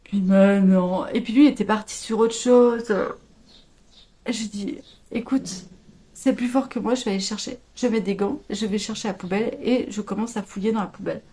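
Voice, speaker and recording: A woman's voice: mid-range voice, moderate pace, mellow, breathy edge. A woman vlogger telling a personal story to camera in a casual, chatty way, full of fillers, quoted dialogue and laughter. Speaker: knitting vlogger.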